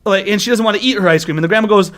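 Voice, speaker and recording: A man co-hosting a podcast, recapping a film and ranting in an animated way with casual swearing. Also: high voice, racing. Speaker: podcast co-host.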